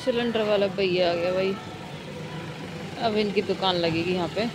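A woman's voice: moderate pace, noisy background. A young woman from India chatting casually in a home vlog about her day and her child. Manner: chatty, talks to her child in high cooing tones. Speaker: vlogger.

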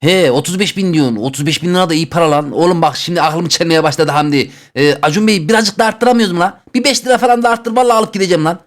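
A man playing an online game show for his channel, joking and reacting loudly as he picks boxes. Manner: excitable, jokey, rapid banter with swings in pitch. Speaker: gaming YouTuber.

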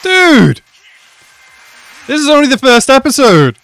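A young man reacting to an anime episode at home, talking excitedly and exclaiming often. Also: extremely high pitch, measured pace, vocal fry, slight background noise. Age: young adult. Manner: animated, exclaims and laughs often. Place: small room at home.

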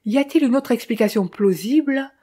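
A stern man laying out his case point by point in an audiobook, read by a woman. He keeps questioning and insisting. His tone is mellow and dark. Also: fairly high pitch, brisk, breathy edge. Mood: insistent. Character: stern man pressing his brother to confess.

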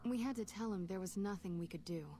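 A woman voicing a calm, helpful woman doctor at a clinic in a game, speaking kindly and patiently. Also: mid-range voice, fast talker, faint music behind, natural voice. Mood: gentle. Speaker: game character.

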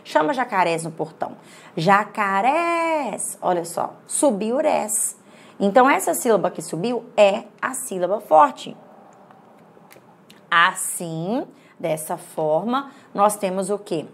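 A middle-aged Brazilian woman teaching grammar for an exam course. Her voice is gravelly with a husky edge. She talks in a chatty way and repeats words to drill them. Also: medium pitch, animated, unhurried. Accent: Brazilian Portuguese. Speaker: Portuguese teacher for exam prep. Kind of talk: online exam-prep lesson.

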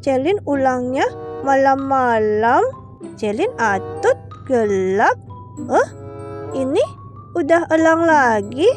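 A woman voicing a little toddler girl in a game-animation fan drama, with lisping baby talk and a slow, hesitant, soft delivery. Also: sits high, voice pushed down, full character voice.

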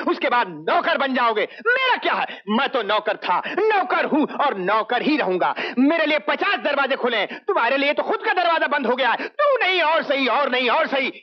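A mouthy servant who talks back to his stingy boss. His voice is high and jumps all over. The sound is dull, as on a 1980s film soundtrack. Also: big pitch swings. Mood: defiant. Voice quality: cheeky, mocking and quick-tongued. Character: cheeky talkative male shop servant, sharp-tongued.

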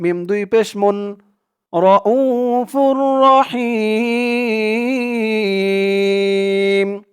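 A man teaching Quran reading, spelling out letters syllable by syllable, then chanting the verses in long, drawn-out tones with quick plain explanations in between. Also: high voice, a little mellow, clean tone. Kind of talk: step-by-step recitation lesson.

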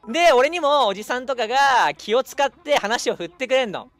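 A young man chatting casually as a streamer, telling a long story in an animated way and acting out the people in it. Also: extremely high pitch, a little fast, soft background music. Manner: animated, acts out quoted people.

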